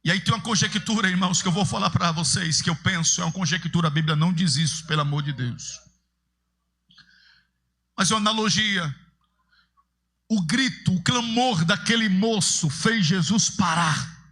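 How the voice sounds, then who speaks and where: Fervent high-voiced preacher. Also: male voice, moderate pace, long pauses. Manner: fervent, builds to shouts, sing-song repetition. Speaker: evangelist preacher. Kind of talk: impassioned sermon. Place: large church sanctuary.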